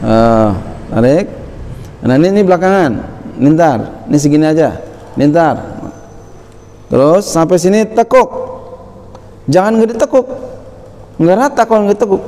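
A man's voice: a little high, expressive, normal speed, long pauses, warm tone. A middle-aged man teaching a religious lesson, reading Arabic text, translating it line by line and coaching students through a demonstration. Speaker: kyai teaching a classical book. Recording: roomy hall with faint traffic.

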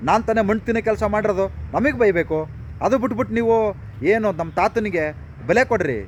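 Fast, high-voiced man ranting outdoors. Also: slight background noise. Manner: rhetorical questions, repeated phrases. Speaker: political commentator. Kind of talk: impassioned monologue.

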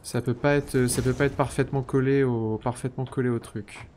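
A man's voice: mid-range voice, steady tone, fairly quick, a little mellow, a little hiss or hum. A man streaming a factory-building game, thinking aloud while he builds, counting under his breath and slipping into mock-grandiose, self-ironic banter. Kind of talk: casual live-stream commentary.

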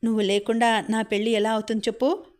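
A woman voicing an earnest young man who proposes in a soft, steady, pleading voice. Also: a little high, quick pace, lightly acted. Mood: tender pleading.

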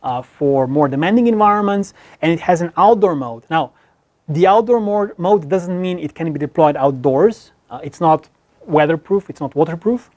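A man in his thirties giving a technical product overview in a studio, talking quickly and fluently with frequent fillers. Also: a little high, animated, darkish tone, no echo. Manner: brisk, fluent, many fillers, talks with his hands. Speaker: product presenter. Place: studio with dark backdrop.

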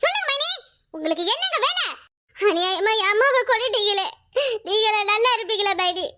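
Lady doing a young village woman in a cartoon, super high squeaky voice, fires off accusing questions. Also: lively intonation, brisk, bright, forceful tone, a little hiss or hum, full character voice. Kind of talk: cartoon voice acting.

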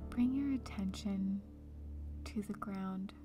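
Clear music underlies this guided meditation, led by a woman who works as a breakup coach and meditation guide. Her medium-pitched voice stays breathy and hushed, frequently almost whispered, and she takes her time, calm and slow, leaving long soft pauses.

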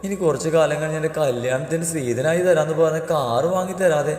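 A man voicing a timid young woman in love, speaking soft and hesitant, in a storybook reading. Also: mid-range voice, fairly even intonation, moderate pace, echoey room, in a large hall, soft background music, voice pushed down, natural voice.

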